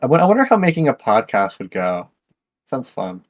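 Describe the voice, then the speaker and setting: A man's voice: medium pitch, big pitch swings, fairly quick. Young guy in a chill chat, stammers a bit, repeats words, agrees with everything. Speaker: co-host. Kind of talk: casual chat.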